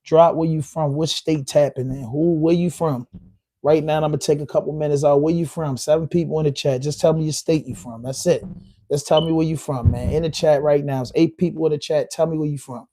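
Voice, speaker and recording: A man hosts his own livestream podcast, riffing loosely to the chat. His voice sits a bit high for a man and has a dark, mellow tone. He talks in a heated, emphatic way, circling back to repeat his points. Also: fairly even intonation, fairly quick. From Baltimore. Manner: heated, repetitive, emphatic street talk. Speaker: podcast host. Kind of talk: live-stream commentary.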